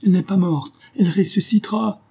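A man's voice: sits high, fairly even intonation, fairly quick, gravelly, dark tone, husky, pitched above the performer's own voice, exaggerated voice. A man voicing a terrified male villain who stammers and begs for his life, read in an audiobook. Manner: stammering, begging.

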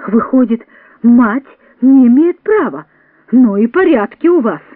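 Brief: stubborn, loud mother in a storybook voiced by a woman narrator, shrill peaks, tinny dry recording. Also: expressive, unhurried, no echo. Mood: indignant. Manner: insistent, rising to shouted complaints. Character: indignant middle-aged mother, loud and stubborn. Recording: dry, tinny phone-like sound.

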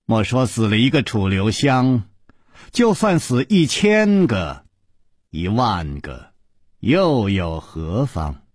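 A man voicing a cold, imperious woman who rules a martial sect, in a low, slow, menacing delivery with a husky edge. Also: sing-song, a little mellow, no room sound, studio quality, heavily acted. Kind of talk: traditional storytelling broadcast.

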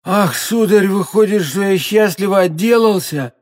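Frightened servant, timid, babbling, higher voice, man acting. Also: normal speed, a little mellow, lightly acted. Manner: fearful, babbling.

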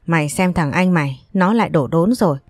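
A woman's voice: fairly low pitch, a little fast, a little mellow, dry recording, close to an everyday voice. A woman voicing a harsh older mother who curses her indebted son. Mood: bitter. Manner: harsh, scolding.

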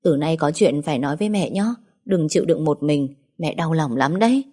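Woman doing a choked-up old mom-in-law, low dark voice, slow. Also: lively intonation, husky. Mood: tender. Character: older mother-in-law, tearful and doting.

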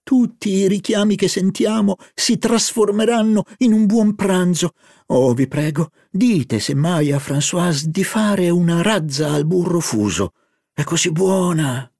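A man's voice: high voice, measured pace, darkish tone, no echo, studio quality, pitched above the performer's own voice. A man voicing a playful young woman in an audiobook, eager and coaxing as she chatters. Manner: bubbly, coaxing. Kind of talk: audiobook character voice.

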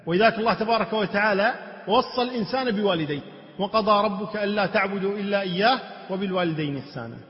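A man with a Kuwaiti Arabic accent giving a religious lecture, reciting verses slowly and rising to emphatic, forceful peaks as he retells the story. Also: sits high. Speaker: Islamic preacher. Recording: dull lo-fi lecture recording in a large reverberant hall.

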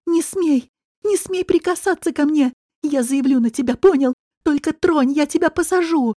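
A woman voicing a terrified young woman, high and strained. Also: moderate pace, dark tone, no room sound, clean studio sound, close to an everyday voice. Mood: defiant. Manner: high, strained, pleading and defiant. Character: frightened young red-haired woman defending herself. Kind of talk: audiobook character reading.

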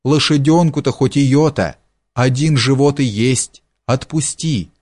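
A man reading an audiobook, voicing a poor peasant man who pleads slowly and then curses in fury. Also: medium pitch, darkish tone, natural voice. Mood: pleading.

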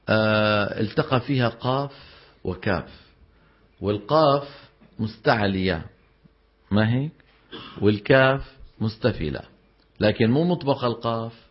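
A man's voice: mid-range voice, breathy edge, dull audio. Man teaching recitation rules. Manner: explanatory, quizzing students with rhetorical questions. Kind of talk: tajweed lesson with recited examples.

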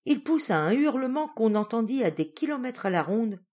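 A woman narrating a traditional fairy tale as an audiobook reader, in an expressive storytelling way. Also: on the high side, moderate pace. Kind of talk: storybook reading.

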